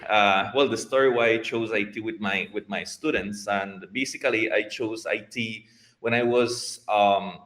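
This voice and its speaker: Costa Rican man, halting, in a roomy space. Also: lowish voice, fairly even intonation, fairly bright tone. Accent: Costa Rican Spanish. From Costa Rica. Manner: hesitant, many restarts and repeated words. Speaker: guest, IT program head. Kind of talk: casual interview answers. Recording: roomy, echoey sound.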